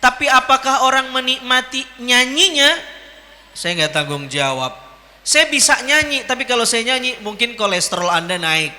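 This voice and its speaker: High, bright-voiced jokey male preacher. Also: lively intonation, normal speed. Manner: jokey and teasing, quizzing the crowd. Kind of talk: lively Ramadan sermon to an audience. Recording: long hall reverb.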